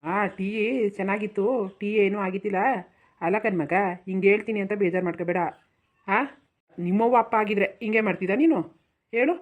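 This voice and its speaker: A woman's voice: medium pitch, fairly quick, long pauses, highs cut off, lightly acted. A woman doing a weary old village father-in-law. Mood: soothing. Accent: rural Mysore-region Kannada. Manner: pleading, placating, keeps saying hush.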